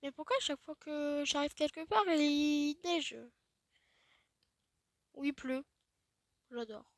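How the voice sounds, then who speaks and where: Woman, high-pitched, casual let's play host; chatty, self-mocking, mutters asides; close dry mic. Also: fairly even intonation, slow, no echo. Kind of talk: casual gaming commentary.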